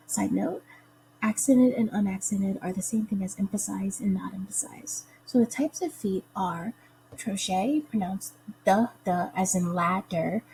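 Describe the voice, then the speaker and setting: A young woman giving a careful explanatory lesson as a student presenter, slowing down to sound out stress patterns. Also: mid-range voice, mellow, a little hiss or hum, low-quality recording.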